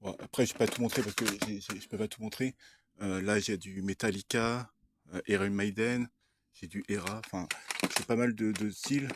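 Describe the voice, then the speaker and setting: A man's voice: lowish voice, steady tone, normal speed, noisy background. A young man talking casually to camera, showing what he bought, hesitant with many fillers and restarts. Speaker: vlogger. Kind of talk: casual show-and-tell vlog.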